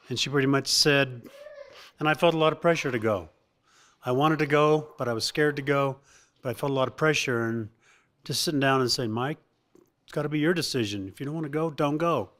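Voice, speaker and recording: A middle-aged man speaking at a family birthday gathering, with a voice of ordinary pitch. He reminisces haltingly, restarting his sentences often and laughing now and then. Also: a bit bright. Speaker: son giving a family tribute.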